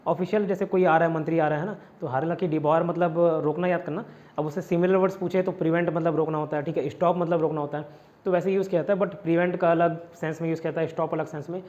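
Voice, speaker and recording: A man from India with a fairly high voice teaches vocabulary in an online exam-prep lesson. He repeats each word and its meaning again and again, mixing Hindi and English. The recording sounds slightly dull and lo-fi. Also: fairly even intonation, fast, darkish tone.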